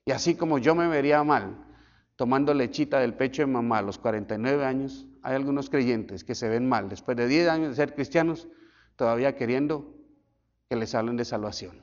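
Animated pastor preaching in an echoey hall. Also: male voice, medium pitch, brisk. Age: 40s. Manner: animated, acts out quoted voices. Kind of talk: sermon. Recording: echoey hall, dull lo-fi sound.

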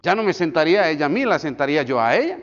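Man in his forties, pastor, lively sermon, slightly high voice, long hall echo. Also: rapid-fire. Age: 40s. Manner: animated, acts out quoted voices. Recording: echoey hall, dull lo-fi sound.

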